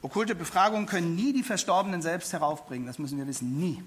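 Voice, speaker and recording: Male preacher, voice a bit high, teaching style, repeats words for emphasis. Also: fast talker. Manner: expository Bible teaching, addresses listeners directly. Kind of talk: sermon.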